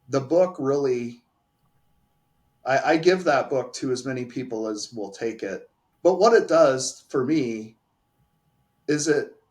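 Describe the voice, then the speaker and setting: A man, a pharmacy owner, giving candid and emphatic answers in a casual interview. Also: mid-range voice. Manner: candid, emphatic, restarts phrases.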